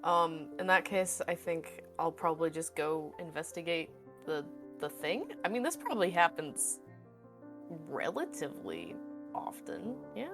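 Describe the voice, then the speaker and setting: Over music, a woman with a low-pitched, sing-song voice talks a little slowly. She's a player in a tabletop roleplaying game, chatting casually and improvising in a hesitant, rambling manner.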